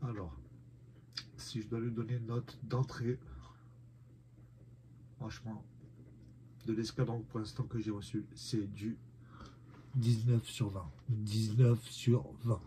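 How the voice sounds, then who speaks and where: Nasal from a cold, this man unboxes and reviews a collectible figurine, chatting casually with viewers. His mellow voice stays low and fairly flat, broken by frequent pauses and many "euh" fillers, while a faint hiss runs beneath.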